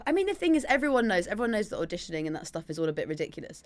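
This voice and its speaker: A young woman from Leeds, a podcast guest telling stories in casual chat, animated and quick to laugh. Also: on the low side. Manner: giggly, animated storyteller.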